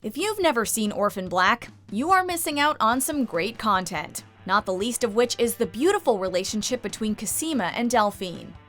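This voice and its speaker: A woman's voice: on the high side, big pitch swings, moderate pace, hardly any pauses, a bit bright, soft background music. A woman reading scripted narration as the narrator of a countdown video.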